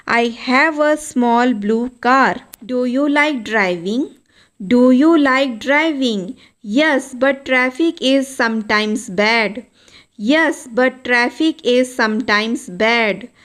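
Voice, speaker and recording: Slow, high-voiced woman teaching English. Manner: reads each sentence twice, slow and even. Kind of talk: slow beginner English drill reading.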